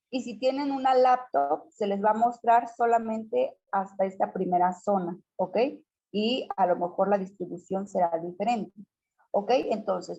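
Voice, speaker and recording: A patient woman teacher explains a keyboard on a shared screen. Her voice is mellow and slightly breathy. The recording is a little muffled. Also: mid-range voice. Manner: patient, checks in often with students. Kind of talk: screen-share computer tutorial.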